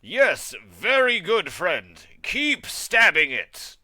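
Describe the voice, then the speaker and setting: A man's voice: high-pitched, big pitch swings, very slow, pushed and bright, voice pushed up, full character voice. A man voicing a friendly, earnest male warforged construct warrior in a tabletop game. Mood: encouraging.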